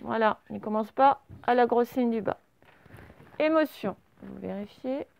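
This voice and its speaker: A woman's voice: a little high, moderate pace, creaky, muffled recording. A woman teaching a children's dictation, stretching each word and spelling it out syllable by syllable. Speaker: primary school teacher.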